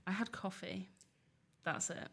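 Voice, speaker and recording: A young woman co-hosting a student podcast, relaxed and dry in her remarks. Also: fairly low pitch, a little slow, gravelly, slight background noise. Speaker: podcast co-host. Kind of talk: casual podcast chat.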